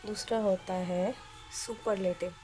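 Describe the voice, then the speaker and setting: A woman teacher with a soft, mellow tone walks students through a grammar lesson step by step. She keeps a patient pace, posing questions and then answering them herself. Her pitch sits right in the middle for a woman. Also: steady tone, unhurried, slight background noise.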